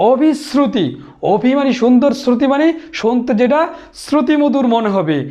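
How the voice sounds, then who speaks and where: A man from Bangladesh teaching grammar in a recorded lecture, explaining step by step and repeating the key terms. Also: extremely high pitch. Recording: dull lo-fi recording.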